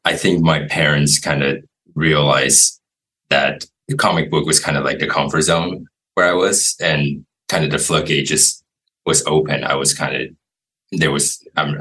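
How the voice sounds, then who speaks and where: This Taiwanese man has a very deep, husky voice with a bright, forceful edge. As a guest in a casual interview, he tells his story in a relaxed, rambling way full of fillers. The audio quality is poor.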